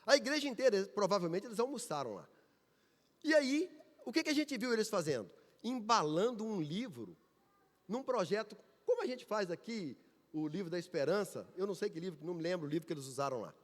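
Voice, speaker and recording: A man preaches. His voice sits high for a man and swings widely up and down as he drives home each point with repetition and questions. A long church reverb trails after his words. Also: sing-song, a little fast. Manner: emphatic, rhetorical questions and repetition. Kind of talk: sermon with storytelling. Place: church sanctuary.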